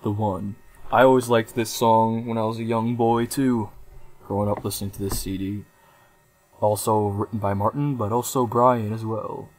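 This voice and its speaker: A man's voice: lowish voice, fairly even intonation, normal speed, a little mellow. A young man in his twenties giving a casual, rambling album review, hesitating often with frequent ums and small restarts. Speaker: music reviewer.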